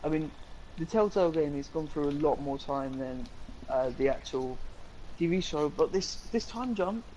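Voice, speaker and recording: A man's voice: on the high side, normal speed, a little mellow, a little hiss or hum, poor audio. Eager rambling young man. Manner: rambling and eager, with frequent fillers. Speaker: co-host. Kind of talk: casual live-stream chat.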